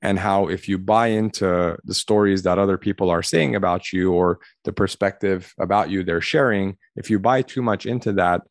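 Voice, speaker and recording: Guest: a low-voiced man in his thirties, earnest and reflective, dry close sound. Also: fairly even intonation, normal speed, hardly any pauses, no room sound. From Los Angeles, USA. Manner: earnest, reflective, many "you know" fillers. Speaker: podcast guest, admissions consultant. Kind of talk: conversational interview answer.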